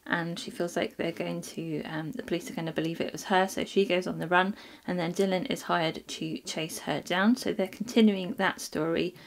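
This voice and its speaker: A woman giving casual book reviews. Her voice sits a little low for a woman. She rambles easily, trailing off and restarting with frequent ums. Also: steady tone, moderate pace, creaky, few pauses, a little hiss or hum. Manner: chatty, many ums and restarts.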